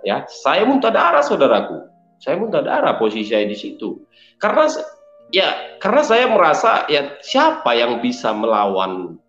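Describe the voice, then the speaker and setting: A man with a Medan accent tells his personal religious testimony in a loud, forceful voice, his pitch sitting in an ordinary middle range. His speech carries the room's reverb, and the recording sounds somewhat dull. Faint music plays underneath. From Medan, Indonesia. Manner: keeps addressing listeners as brothers. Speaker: testimony speaker.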